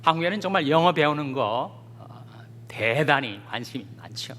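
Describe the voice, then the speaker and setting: Male pastor, bright forceful tone, long church reverb; storytelling sermon turning fervent. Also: a little high, animated, normal speed, a little hiss or hum. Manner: folksy storytelling with jokes, rising to fervent scripture reading. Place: church sanctuary.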